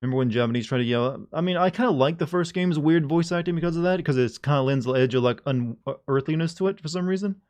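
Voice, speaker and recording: A man's voice: on the high side, fast talker, few pauses, darkish tone. A man giving casual gameplay commentary as a streamer, rambling along in a wry way. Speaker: game streamer.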